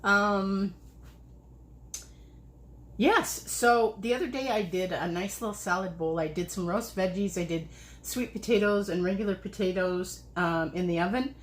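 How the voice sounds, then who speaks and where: A woman's voice: mid-range voice, moderate pace, reverberant. A woman hosting a casual cooking livestream, chatting and rambling as she cooks and laughing often. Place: home kitchen.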